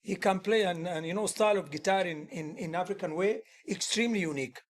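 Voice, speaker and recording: A musician and music teacher talks fast in a high-pitched voice during a casual workshop. He comes across as earnest and rambling, with loose grammar and frequent restarts mid-sentence.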